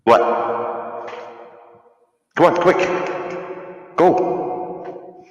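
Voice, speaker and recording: A man's voice: drawn-out words, lo-fi sound. A man co-hosting a live show, joking and teasing with a cave-like echo effect on his voice. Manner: joking, teasing, hurrying others along. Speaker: co-host. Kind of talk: casual live-show banter.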